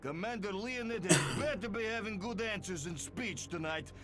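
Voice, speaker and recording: A man's voice: high voice, lively intonation, normal speed, background noise. An actor playing a grumbling male moon miner in a video game, complaining in broken grammar with a mock Russian accent.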